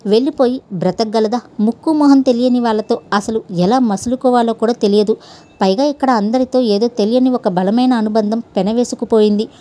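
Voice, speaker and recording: A woman storyteller calmly reading a dramatic story in a measured way. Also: fairly high pitch. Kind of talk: scripted story narration.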